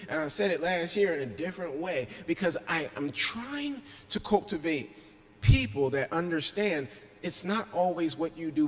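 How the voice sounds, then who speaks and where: A man, a pastor, preaching a sermon with emphatic delivery that swings between loud stretches and hushed ones. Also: fairly high pitch. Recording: echoey church hall.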